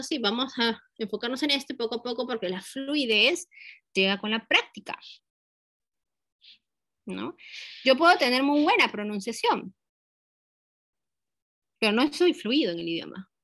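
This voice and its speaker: A woman who teaches English gives a lesson to fellow teachers. Her voice sits a little high and sounds very bright. She works through each point, checks in with tag questions and slips English teaching terms into her speech, in a dry recording with no room echo. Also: expressive, moderate pace, long pauses. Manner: explains step by step, often ending with tag questions. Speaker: English teacher giving a training session.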